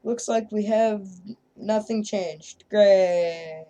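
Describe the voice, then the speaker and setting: A woman casually commenting on her own strategy gameplay, joking and sarcastic, often trailing off quietly at line ends. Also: mid-range voice, very slow. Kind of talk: casual let's-play commentary.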